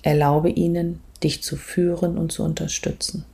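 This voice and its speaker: A spiritual coach and meditation guide, this woman speaks in a low, level tone, measured and gentle, pausing between phrases. Her husky voice grows breathy as each phrase ends.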